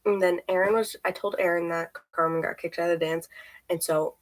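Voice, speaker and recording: A woman's voice: on the low side, steady tone, a little fast, low-quality recording. A woman in a casual vlog storytime, rambling and breaking off to laugh at her own slips while reading texts aloud. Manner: rambling, self-interrupting, laughs at own stumbles. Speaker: vlogger.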